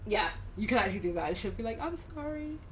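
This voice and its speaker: A woman hosting a livestream chats in a teasing, affectionate way and laughs often. Her pitch sits in a middling range. A faint hiss runs under her voice. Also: very fast. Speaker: streamer host. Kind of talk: casual stream chat.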